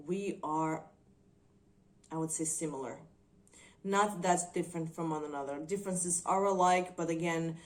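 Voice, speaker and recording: A woman from Croatia, reviewing movies on her channel in a thoughtful, hesitant way with frequent pauses. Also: sits low. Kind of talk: unscripted video commentary.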